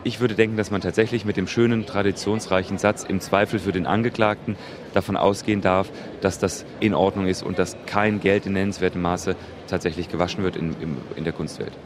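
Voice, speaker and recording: Lowish-voiced formal man, noisy background. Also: steady tone, brisk. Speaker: art trade executive being interviewed. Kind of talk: interview answers. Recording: clear background noise.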